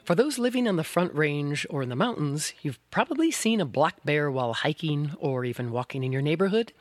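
A woman's voice: deep voice, no room sound. American woman hosting a radio science show. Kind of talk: scripted radio introduction and interviewing.

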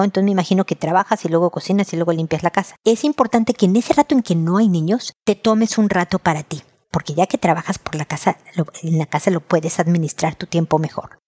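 A woman's voice: medium pitch, warm tone. A middle-aged woman gives advice to a tired mother on her show. She talks in a chatty, reassuring way, like a friend on the phone. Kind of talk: advice talk to a listener.

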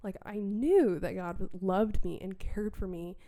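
A woman from Wisconsin shares her personal faith story as a podcast guest. Her voice is mellow and soft-edged, and she tells it in an animated, conversational way, acting out what she thought and said back then. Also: medium pitch, measured pace. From Wisconsin, USA. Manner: animated storytelling, acts out her past self.

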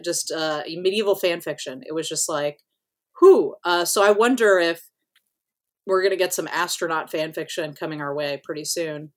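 A woman's voice: fairly low pitch, normal speed. A woman co-hosting a podcast in casual chat, rambling with lots of fillers and casual swearing. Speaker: podcast co-host.

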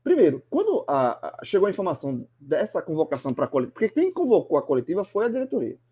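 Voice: medium pitch, huge pitch swings, fast talker, mellow, breathy edge. A sports commentator, talking animatedly and emphatically in a casual sports chat, often restarting words.

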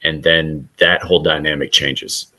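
A man's voice: rumbling low, fairly even intonation, a little slow, sharp tone. A middle-aged man, a guest author, talking earnestly in a casual podcast interview with frequent restarts.

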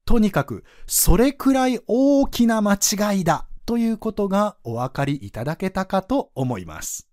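A man's voice: sits high, big pitch swings, moderate pace, few pauses, darkish tone, no echo, studio quality. A man teaching French pronunciation on a podcast, patiently demonstrating sounds for listeners to repeat.

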